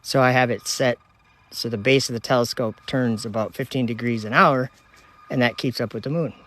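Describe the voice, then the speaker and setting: A man hosting a relaxed livestream, reading comment after comment aloud in an easygoing, chatty way. His voice sits in an ordinary middle pitch. He is talking outdoors at night beside a telescope. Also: moderate pace. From Minnesota, United States. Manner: relaxed, reads viewer locations aloud in a chatty running list. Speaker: livestream host.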